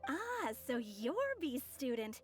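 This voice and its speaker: A woman's voice: fairly high pitch, very animated, slow, faint music behind. An actress voicing a coy, courteous young witch in a video game, formal with a scheming air. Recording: faint ambient noise behind voice.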